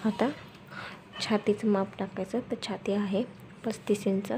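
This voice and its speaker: A woman giving a step-by-step sewing tutorial, speaking softly and quietly at night, repeating steps as she goes. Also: medium pitch, level tone, a little slow, slight background noise. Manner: instructional, repeats steps and measurements.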